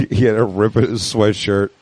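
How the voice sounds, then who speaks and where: A man's voice: lowish voice, steady tone, moderate pace, darkish tone, no room sound. A male podcast host in casual comedy chat, swearing and laughing through short anecdotes.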